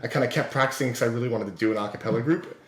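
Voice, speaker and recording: A young man, a beatboxer in a singing group, talking in a relaxed, self-deprecating way in a casual interview. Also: medium pitch, rapid-fire, roomy sound, faint music behind. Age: young adult.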